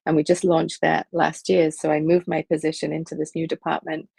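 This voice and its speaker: A middle-aged woman from England with a Liverpool accent, a professor being interviewed, talking thoughtfully with many pauses and ums. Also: low-pitched, little pitch movement, vocal fry, dark tone, husky, no echo. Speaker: professor, guest. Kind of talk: conversational interview.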